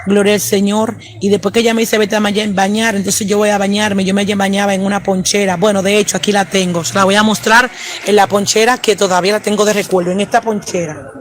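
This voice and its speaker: A man's voice: high-pitched, level tone, quick pace, a bit bright, slight background noise. A man evangelist, telling a personal testimony and peppering it with praise interjections. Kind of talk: testimony storytelling.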